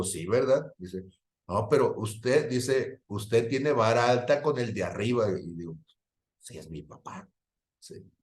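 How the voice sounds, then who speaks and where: A man preaching a sermon, telling a personal story and swinging from loud to hushed, often checking in with the listeners. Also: on the low side. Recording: roomy echo.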